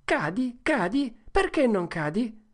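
Lady putting on a bossy kid playing outlaw chief, high and loud, hams it up. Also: big pitch swings, slow, full character voice. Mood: bold, theatrical. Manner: high-pitched, loud, theatrical declaiming.

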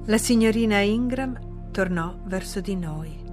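A woman narrating an audiobook in a measured, steady voice. She reads the story with calm, even pacing between the characters' lines. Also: mid-range voice, over music.

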